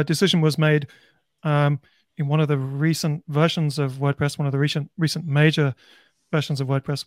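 Birmingham-accented man, slightly high voice. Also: no echo, clean studio sound. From Birmingham, England. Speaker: podcast panelist. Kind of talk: casual panel discussion.

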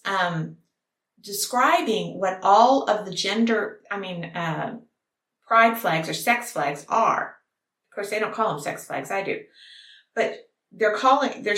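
A woman's voice: medium pitch, fairly bright tone. A woman vlogger delivering an opinionated monologue to camera, emphatic and full of rhetorical questions. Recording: roomy echo.

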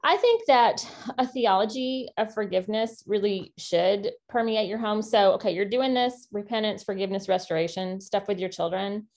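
Woman, podcast co-host, earnest and encouraging, casual parenting chat, quick asides. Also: mid-range voice, a little mellow.

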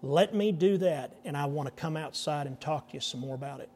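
A man in his fifties preaches as a pastor, his voice sitting a little high for a man. He tells a personal story from the pulpit in an animated way, acting out the people he meets. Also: a little fast, slight background noise. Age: 50s. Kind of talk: storytelling sermon.

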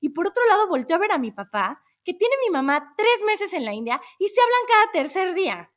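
A Mexican woman in her thirties, co-hosting a podcast in casual chat, supportive and quick to agree. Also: very high-pitched, very animated. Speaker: podcast co-host.

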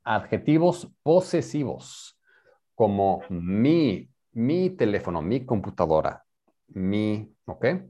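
Male English tutor, patient, lively pitch. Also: unhurried. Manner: patient, switches between English and Spanish, repeats and explains. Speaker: English teacher. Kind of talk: online bilingual English lesson.

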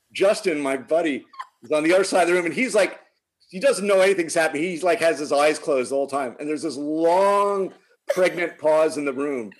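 A man casually telling a funny personal story, animated and laughing often. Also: on the high side, moderate pace. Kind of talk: casual chat.

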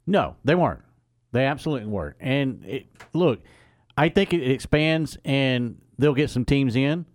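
A man's voice: medium pitch, darkish tone, dry recording, studio quality. A man hosting sports radio, giving opinions and reading score updates. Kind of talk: sports talk and scripted sports update.

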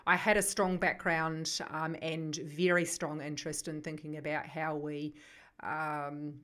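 A middle-aged psychotherapist with a New Zealand accent is a guest on a conversational podcast interview, thoughtful and searching for her words. Her voice is low and fairly bright, with a flat delivery at a slightly slow pace.

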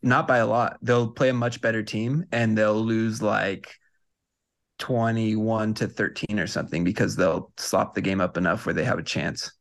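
Gravelly-voiced man in casual sports chat. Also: on the low side, fairly even intonation, moderate pace. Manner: easygoing, agreeable, hesitant fillers. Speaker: podcast co-host.

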